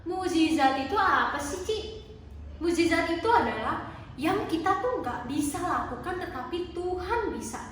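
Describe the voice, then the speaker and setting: A woman telling a story to toddlers as their Sunday school teacher, in a slow, sing-song, animated way. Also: very high voice, heavy reverb, recorded from a distance, slight background noise.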